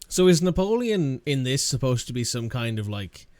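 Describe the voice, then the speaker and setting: A man's voice: medium pitch, sing-song, moderate pace, darkish tone, dry recording. A man casually commentating while playing a video game, sarcastic and swearing freely. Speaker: gaming channel host. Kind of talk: let's play commentary.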